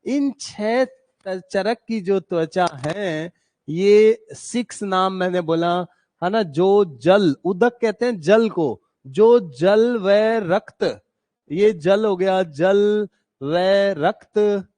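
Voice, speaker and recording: A man with a high voice and a slight tinge leads a classroom lesson. He speaks slowly and drags out each term as he builds mnemonics. The sound is dry and close. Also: darkish tone, dry recording. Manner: repeats terms slowly, spells out mnemonics; chatty, asks students questions. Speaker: Ayurveda coaching teacher. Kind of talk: classroom lecture with memory tricks. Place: coaching classroom.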